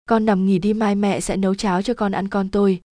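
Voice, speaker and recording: A woman's voice: mid-range voice, fairly even intonation, a little fast, a little mellow, dry recording, studio quality, close to an everyday voice. A woman reading a ghost story aloud, voicing a distraught older village mother who sobs and pleads. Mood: weeping. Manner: sobbing and pleading.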